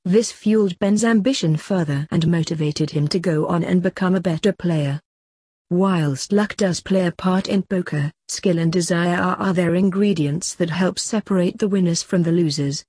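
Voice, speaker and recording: A woman's voice: on the low side, moderate pace, mellow, breathy edge, dry recording. A woman reading a scripted article in a formal, word-for-word narration.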